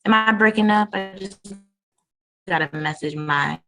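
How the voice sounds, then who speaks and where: A woman presenting a webinar over an unstable video call, her choppy audio breaking up as she talks in halting bits. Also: mid-range voice, a bit bright, faint music behind. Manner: halting, trailing off mid-sentence. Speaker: mental health presenter. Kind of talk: online webinar talk.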